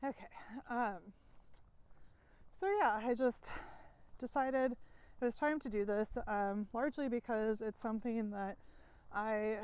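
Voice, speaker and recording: A woman's voice: fairly high pitch, darkish tone, clear, resonant tone, dry recording. A middle-aged woman coaching in a loose, casual vlog recorded outdoors while walking, a little out of breath, with fillers and small laughs. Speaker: success coach. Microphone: headphone mic, then phone mic.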